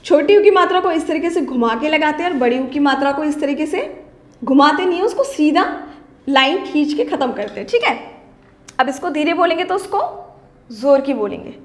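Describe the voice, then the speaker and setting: A woman with a high voice teaches young children an online language lesson. She is patient, stretches out practice words slowly and keeps checking in with a lifted question. The room around her has a clear echo. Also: animated. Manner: patient, repeats "ठीक है?" with a rising lift; slow, drawn-out word drills. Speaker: primary school Hindi teacher. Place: home or classroom recording for online class. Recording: roomy echo.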